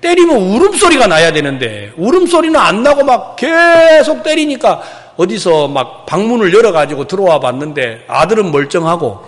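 A middle-aged male pastor preaching a sermon, telling a story with loud outbursts and hushed asides. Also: high-pitched, big-room sound.

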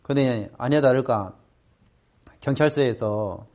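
A middle-aged man speaking to students, telling a personal story and acting out the voices of people in it. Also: unhurried. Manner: animated, acts out quoted voices with big pitch jumps. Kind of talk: storytelling talk.

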